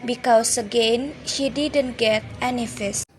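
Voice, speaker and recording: A young woman with an Indonesian accent narrating a school drama in a steady, plain reading voice. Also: on the high side, takes it slowly, soft background music, rough recording. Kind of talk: read-aloud story narration.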